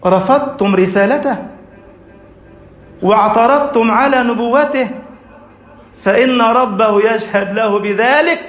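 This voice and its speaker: A male preacher with a strikingly high voice delivers an impassioned sermon, often climbing into shouts. His voice rings out through a reverberant, echoey hall. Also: measured pace, pauses often.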